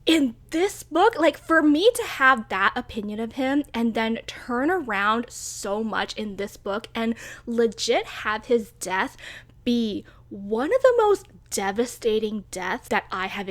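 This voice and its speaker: A young woman chatting casually about a book she loved, excitable and gushing, with lots of "like" and "oh my god". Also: on the high side, slow pace. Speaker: book reviewer.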